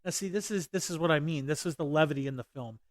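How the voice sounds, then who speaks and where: A man's voice: a little high, quick pace, dry recording. A man hosting a casual movie commentary, rambling with many fillers and restarts. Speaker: podcast host.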